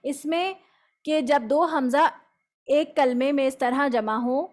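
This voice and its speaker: A woman teaches a tajweed lesson in a clear, high voice. She goes through each rule step by step and often checks with her students. She recites example words slowly so they can follow.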